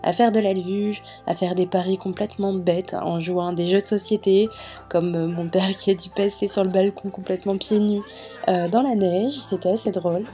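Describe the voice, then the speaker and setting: Mellow-voiced woman narrating casually over music. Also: mid-range voice, steady tone, normal speed. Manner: chatty, informal. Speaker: vlogger narrating a family holiday video. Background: background music.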